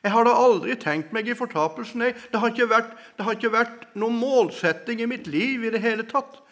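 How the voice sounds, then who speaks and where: A man preaching his own testimony as a sermon, telling it dramatically and swinging between loud passages and hushed ones. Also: very high voice.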